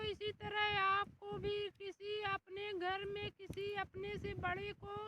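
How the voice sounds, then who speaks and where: A woman's voice: very high voice, lo-fi sound. A woman giving an earnest, preachy moral address to her viewers. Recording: loud background noise.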